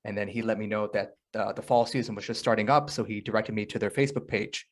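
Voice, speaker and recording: A man with an American accent who co-hosts a casual podcast and tells stories in a relaxed way. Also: fairly low pitch, quick pace. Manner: relaxed storytelling with fillers. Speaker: podcast co-host.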